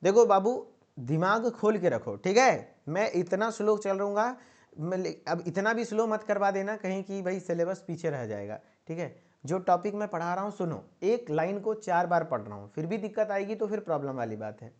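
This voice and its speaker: A man's voice: high voice, lively intonation, normal speed, highs cut off. A man giving an online lecture to pharmacy students, repeating points and checking in with a coaxing "okay?". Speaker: pharmacy teacher. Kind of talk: online exam-prep lecture.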